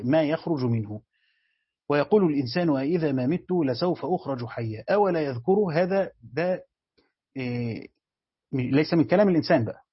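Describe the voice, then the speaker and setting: An Egyptian man teaches a commentary lesson at a brisk pace. His voice sits a little high and sounds husky. The recording is dry and dull. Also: no echo. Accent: Egyptian Arabic. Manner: reads a passage aloud, then explains it with rhetorical questions. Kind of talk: explaining a classical text line by line.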